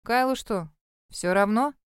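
A woman voicing a calm, curious young woman who asks pointed questions. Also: on the high side, measured pace, clear, resonant tone, no room sound, clean studio sound, close to an everyday voice. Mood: inquisitive.

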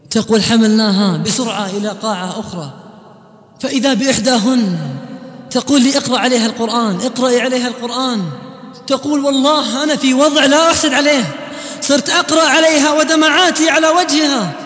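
Impassioned preacher in an echoing hall. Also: male voice, very high-pitched. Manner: impassioned, swings from fast hushed narration to slow chanted verses. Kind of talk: emotional sermon storytelling. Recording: echoey hall with long reverb and faint music.

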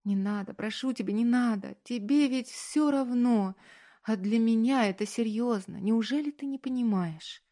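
A hurt young woman from a romance audiobook, tearful and defiant, her voice pitched up high and pushed louder as she pleads. A woman reader puts her on. Her delivery sounds strained and urgent. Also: moderate pace, close to an everyday voice.

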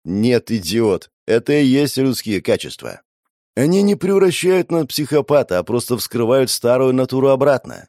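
A man's voice: mid-range voice, very animated, moderate pace, darkish tone, no room sound, clean studio sound, voice pushed up. A man voicing a stern, scolding spirit of darkness in a read-aloud fantasy story. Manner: blunt, scolding.

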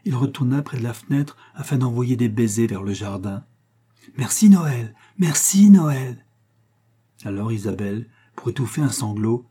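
A man reading a literary tale aloud in a measured, expressive storytelling manner. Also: on the low side, slightly rough. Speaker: reader. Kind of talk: scripted narration of a literary tale.

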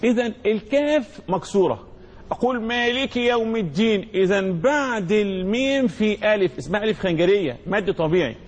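Husky high-voiced Egyptian Quran teacher. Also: male voice, expressive. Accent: Egyptian Arabic. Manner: drawn-out demonstrative recitation, quizzing students. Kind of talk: tajweed lesson with call-and-response.

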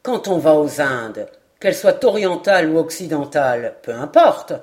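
A woman voicing a composed male Scottish lord with a dry sense of humor, speaking calmly and deliberately. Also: low-pitched. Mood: teasing. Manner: calm, deliberate, teasingly serious.

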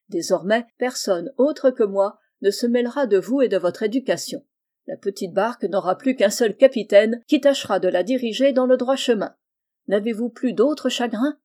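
Woman reading as a gentle kindly uncle. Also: medium pitch, natural voice. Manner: gentle, reassuring, patient. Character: mild, kindly middle-aged uncle and doctor.

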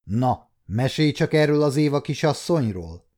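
A man's voice: medium pitch, animated, warm tone, natural voice. An adult man voicing a scheming, domineering nobleman who speaks in a commanding, mocking way. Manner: commanding, sneering.

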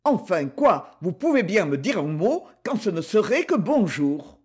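Woman doing a rich young man, bantering, pleading, slow storybook voice. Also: on the low side, sing-song, darkish tone, slightly rough, exaggerated voice. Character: rich young man, jaunty then unsure.

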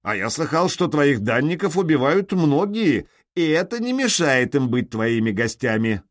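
A man voicing a greedy warlord who yells indignant challenges up at a fort in an audiobook. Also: on the high side, big pitch swings, moderate pace, voice pushed up. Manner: yelling, indignant, blustering.

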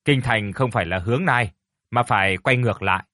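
A man's voice: medium pitch, fairly quick, bright, forceful tone, no room sound, clean studio sound, lightly acted. A man voicing a middle-aged cart driver in a storybook reading, asking plain questions. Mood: puzzled.

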